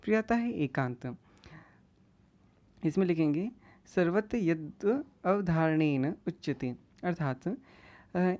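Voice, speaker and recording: A woman with a low, mellow voice gives an exam-prep lecture, reading out each classical term and then explaining it in plain everyday words. The audio is dull and lo-fi. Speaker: teacher.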